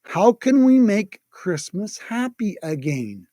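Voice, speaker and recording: A storyteller puts on an earnest little girl from a storybook. She speaks softly and wistfully, with a dry, close sound. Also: mid-range voice, very animated, slow, no echo. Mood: sad. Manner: soft, wistful. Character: sad, earnest, soft-spoken little girl.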